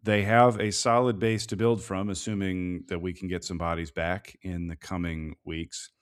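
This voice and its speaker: Low deep guy on a soccer podcast, lots of uhs and ums, thinking out loud. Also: flat delivery, clean tone. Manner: measured, thinking aloud with many fillers. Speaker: podcast co-host. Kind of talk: casual sports podcast analysis.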